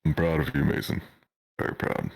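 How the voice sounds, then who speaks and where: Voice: rumbling low, flat delivery, brisk, creaky. A tabletop game streamer chatting casually in a sweary, teasing way. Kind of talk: casual chat.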